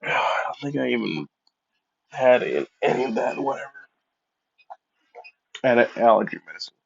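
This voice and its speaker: Over a noisy background, a man whose nose is stuffed up from a cold rambles through a made-up fan story, frequently fixing his own words. His creaky, medium-pitched voice has lively intonation and moves at a normal speed. The lo-fi mic sounds dull.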